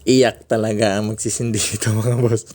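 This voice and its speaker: A man from the Philippines casually unboxing fireworks for his vlog, naming each item slowly with frequent chuckles. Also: fairly low pitch, level tone, a little mellow. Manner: slow, drawn-out naming of items, frequent chuckles. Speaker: fireworks vlogger.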